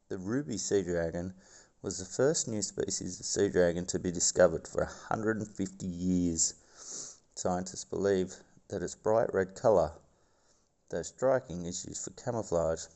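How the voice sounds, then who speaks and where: A man reading nature documentary narration in a gravelly voice, now and then stumbling over a word. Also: deep voice, normal speed, mellow. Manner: stumbles over words and scientific names. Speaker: video host.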